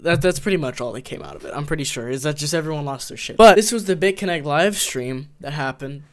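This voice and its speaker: Brief: man, reaction-video host, casual mocking chatter, clean smooth tone. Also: on the high side, fast.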